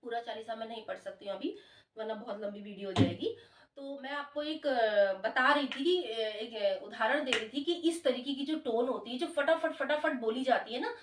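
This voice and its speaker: Counting the beats aloud as she plays, a woman gives a friendly dholak lesson, warm, coaxing and encouraging. Her voice is a little high and moderately paced, and the recording sounds roomy, distant and dull, with background noise and dholak drumming.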